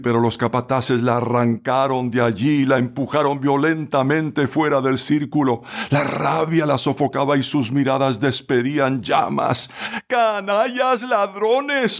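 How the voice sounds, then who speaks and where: Man, radio host, measured storytelling narration, spiritual reflection, mid pitch.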